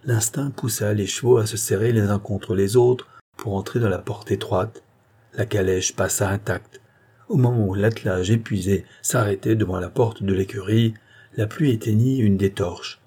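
A man narrating a classic novel in a measured, literary reading style. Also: on the low side, dark tone, slightly rough. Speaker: audiobook narrator. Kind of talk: scripted narration.

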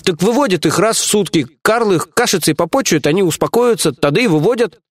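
A man's voice: high voice, lively intonation, a little fast, voice pushed up. A man doing a squealing, cowardly henchman. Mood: whining. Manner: wheedling, squealing, stammering. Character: cowardly male henchman, fawning and whining. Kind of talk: audiobook character voice.

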